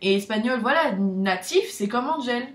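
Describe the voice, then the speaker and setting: A woman's voice: on the high side, animated, moderate pace. A young woman from France, vlogging in a casual, chatty way, nervous and self-deprecating, often restarting her sentences. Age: young adult. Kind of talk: casual chat to camera. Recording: echoey room.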